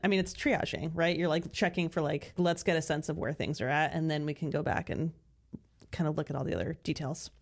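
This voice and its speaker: There's vocal fry in this woman's low, steady voice as she talks fairly fast on a podcast she co-hosts. Her chat is casual yet thoughtful, sprinkled with plenty of "like."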